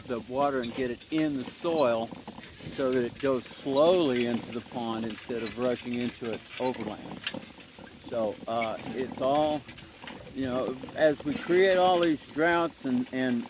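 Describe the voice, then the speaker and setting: Blunt, swearing farmer outdoors. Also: male voice, medium pitch. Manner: blunt, folksy, swears freely; rambling with restarts. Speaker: farmer giving a tour. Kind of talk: casual walking tour talk. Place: outdoors on a farm. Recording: outdoor noise behind the voice.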